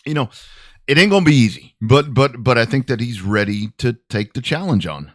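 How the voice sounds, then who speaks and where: A man hosting a racing talk show, rambling and quick to laugh. His mid-pitched voice sits close to the mic in a dry, dead room. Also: lively intonation, fairly bright tone, no room sound. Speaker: podcast host. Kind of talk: casual sports talk.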